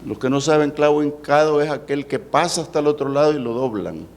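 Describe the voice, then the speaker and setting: A man, a pastor preaching a sermon at a church service, with dramatic swings in pitch and slowed words for emphasis. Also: vocal fry, a little mellow, a little hiss or hum.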